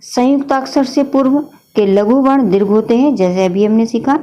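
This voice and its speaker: A woman's voice: fairly high pitch, normal speed, dark tone, muffled recording. A woman teacher explaining a grammar lesson patiently, often addressing her students as children. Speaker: Hindi teacher.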